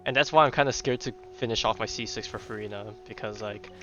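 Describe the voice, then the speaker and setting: During a casual livestream, a man plays a video game and thinks out loud in a meandering way, repeating his words often. He talks fast, with a fairly low pitch and a slightly bright tone. Video game music sits behind him on a dull lo-fi mic recording.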